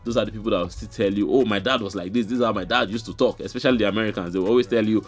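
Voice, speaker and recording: A man co-hosting a sports podcast, talking in a relaxed way and thinking aloud. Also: fairly low pitch, very fast, soft background music. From Nigeria. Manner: relaxed, thinks aloud with fillers, chuckles often. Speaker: podcast co-host. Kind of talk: casual sports chat.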